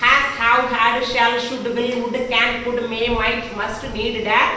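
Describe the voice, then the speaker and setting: A woman's voice: on the high side, little pitch movement, very slow, sharp tone. A woman teaching English grammar in a classroom, speaking with a Tamil accent and often stopping to ask if her students follow. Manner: explains in Tamil mixed with English, asks frequent check questions. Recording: very echoey room, voice far from mic, faint background noise.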